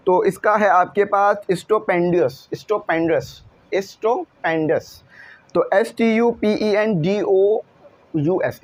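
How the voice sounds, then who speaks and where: High-voiced male teacher drilling words. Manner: patient, repeats each word slowly to drill pronunciation. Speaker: English teacher. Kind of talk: classroom lesson walkthrough.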